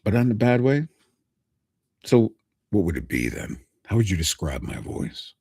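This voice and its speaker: A man hosting a casual live stream, a voice actor chatting with viewers in a deep, gravelly voice and a slow, dramatic delivery that drops to a whisper. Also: big pitch swings, a little mellow, no room sound, clean studio sound.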